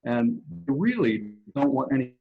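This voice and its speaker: A man's voice: medium pitch, big pitch swings, moderate pace, gravelly, narrow, tinny audio. A man speaking as a guest on a video call, his audio choppy and breaking up as he halts and searches for words. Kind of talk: remote talk on a video call. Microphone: computer mic on a video call.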